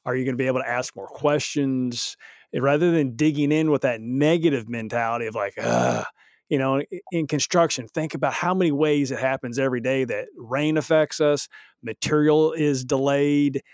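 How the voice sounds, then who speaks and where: A man's voice: medium pitch, moderate pace, darkish tone, no room sound, clean studio sound. A man who works in workplace safety, talking casually on a podcast and acting out the reactions he quotes. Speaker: safety professional and co-host.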